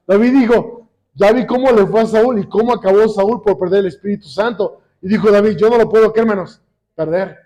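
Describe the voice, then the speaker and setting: A man teaching a Bible lesson to a congregation, often pausing to quiz them with call-and-response questions and slowing down when he quotes scripture. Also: high-pitched, warm tone, dull audio. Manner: slows down when quoting scripture. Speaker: church teacher. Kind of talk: sermon-style Bible lesson.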